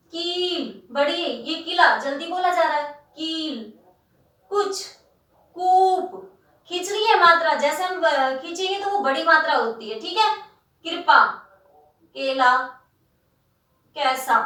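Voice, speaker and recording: A woman's voice: high-pitched, bright, forceful tone. A woman teaching Hindi grammar to students in a patient classroom manner, stretching out syllables and often checking that they follow. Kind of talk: classroom lesson explaining spelling. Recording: echoey room, voice from a distance.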